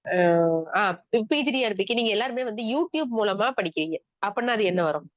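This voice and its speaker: With an animated, medium-pitched voice at a moderate pace, a woman with a Tamil accent runs an online exam-prep lecture. She explains step by step, poses questions to the class and mixes English terms into Tamil, all in a dry, muffled lo-fi recording.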